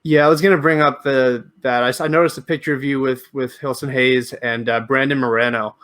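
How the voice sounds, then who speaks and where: In a casual interview, a male podcast host asks long, rambling questions full of restarts and fillers. His mid-range voice is steady, fairly bright, and a little fast.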